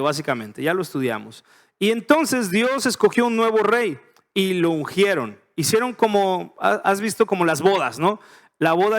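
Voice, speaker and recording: Joking middle-aged Mexican pastor, high voice. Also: male voice. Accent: Mexican Spanish. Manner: chatty and joking, asks the audience questions. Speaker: pastor teaching a Bible study. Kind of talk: casual verse-by-verse Bible teaching.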